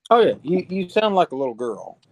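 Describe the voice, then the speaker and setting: A man's voice: high voice, sing-song, a little fast, a little hiss or hum, poor audio. Southern drawling man, blunt and teasing. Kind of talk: casual chat.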